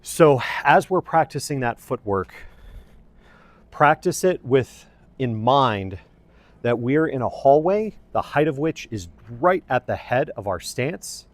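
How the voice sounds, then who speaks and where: A man teaching a fencing lesson, explaining technique in a methodical, deliberately phrased way. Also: mid-range voice, very animated, no echo. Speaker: fencing instructor. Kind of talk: instructional lesson, explaining footwork.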